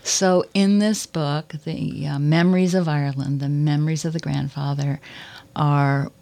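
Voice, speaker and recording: A woman hosting an interview, asking an author about her book in a deliberate, unhurried way. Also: deep voice, steady tone, vocal fry, warm tone. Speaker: interview host. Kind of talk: interview talk.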